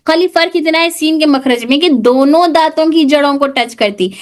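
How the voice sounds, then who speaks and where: High-voiced woman teaching letter sounds. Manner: demonstrates letter sounds repeatedly, explains patiently with English loanwords. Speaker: tajweed teacher. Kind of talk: online class explanation.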